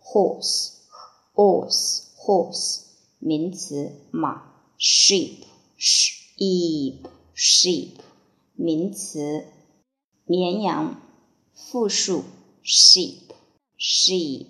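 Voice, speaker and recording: A woman's voice: lowish voice, drawn-out words, vocal fry, long pauses, a bit bright. A woman teaching English vocabulary for dictation, spelling each word letter by letter and giving its meaning. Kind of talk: slow word-by-word dictation lesson. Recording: echoey room.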